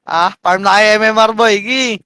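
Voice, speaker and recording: A man calling shots for his team in live game voice chat, barking rapid commands and countdowns and swearing. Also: high voice, flat delivery, bright, forceful tone, clear, resonant tone, dry recording. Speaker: team shotcaller.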